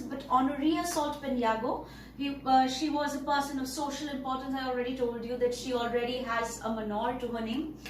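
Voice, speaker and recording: A woman teaching an English story lesson, explaining words slowly and checking in with "okay" and "all right". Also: high voice, a bit bright. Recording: roomy, distant mic, faint noise.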